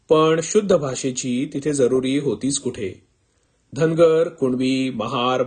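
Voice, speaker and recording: Man reading a story out loud, calm and measured, mid pitch. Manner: calm, measured first-person narration. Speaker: narrator.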